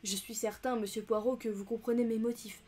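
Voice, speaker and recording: A woman's voice: on the high side, steady tone, a little fast, mellow, a little hiss or hum, natural voice. A woman voicing a proud, protective count who pleads earnestly and indignantly in an audiobook reading.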